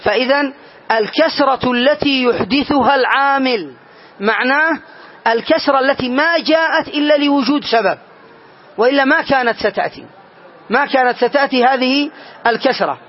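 A man teaching a classroom grammar lesson, quizzing his students and slowly spelling out each example. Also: very high voice. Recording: dull lo-fi lesson recording.

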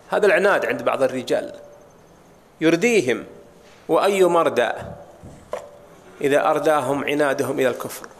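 A man's voice: a little high, gravelly. A man teaching as an Islamic scholar, explaining texts in a lecture, asking rhetorical questions and speaking straight to his listeners. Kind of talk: religious lecture explaining hadith. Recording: long reverb of a large hall.

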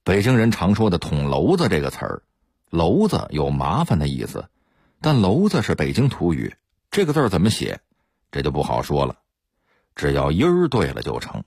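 A man's voice: sits low, wildly swooping pitch, moderate pace, vocal fry, a little mellow, breathy edge, no room sound, studio quality. A man giving an explanatory radio talk as presenter, lecturing and demonstrating dialect pronunciations.

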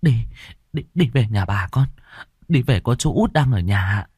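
A man voicing a frantic, tearful old grandmother who calls out in a high, strained wail. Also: expressive, a little slow, darkish tone, breathy edge, dry recording, studio quality. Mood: anxious.

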